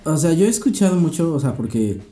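Very dark-voiced young man, chatty. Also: a little high, big pitch swings, quick pace, soft background music. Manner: joking, interrupting, full of fillers. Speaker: podcast co-host. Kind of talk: casual chat.

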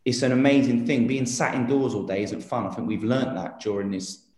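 A man's voice: mid-range voice, steady tone, a little fast, a little mellow, echoey room. A man in his late twenties, an interview guest talking casually and earnestly with many fillers and restarts. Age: 20s.

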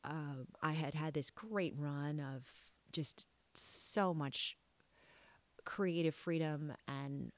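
A middle-aged woman recounts her life in an interview, speaking slowly in a low voice. She's reflective and frank, often trailing off and starting her sentences over. The recording is dry.

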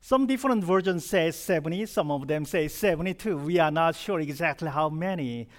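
Brisk and fairly high-pitched, a middle-aged South Korean pastor with a Korean accent preaches a humorous, chatty sermon in a conversational style, frequently questioning the congregation.

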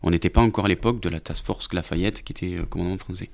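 Very deep gravelly French-speaking army officer. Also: male voice, fairly even intonation, racing. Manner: hesitant, many restarts and fillers. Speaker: interview guest, army officer. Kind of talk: conversational storytelling.

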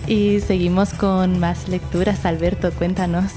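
A woman with a Salvadoran Spanish accent hosts casually. Her voice sits a little low, and music plays clearly behind her as she chats about books. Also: level tone, unhurried. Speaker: host of a reading segment. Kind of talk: casual hosting chat.

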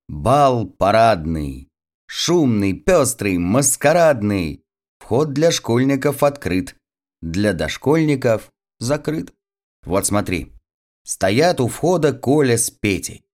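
A man reading children's poems aloud in a playful, rhythmic way, raising his voice for the children's shouts. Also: fairly low pitch. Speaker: audiobook narrator.

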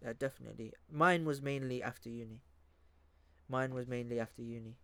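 A man's voice: medium pitch, fairly even intonation, a little fast, fairly bright tone, slight background noise. A man, chatting casually in sweary slang and agreeing in repeated bursts.

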